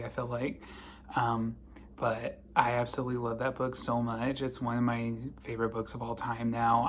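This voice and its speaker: A man chats through a casual reading vlog at a mid-range pitch, rambling and gushing with frequent ums. A faint hiss sits under his voice. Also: a bit bright. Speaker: book vlogger.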